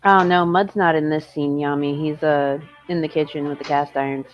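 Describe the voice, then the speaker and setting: Casting: female American host, lowish voice, wry casual comic commentary, slightly dull lo-fi recording. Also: fairly even intonation, moderate pace, faint music behind. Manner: wry, informal.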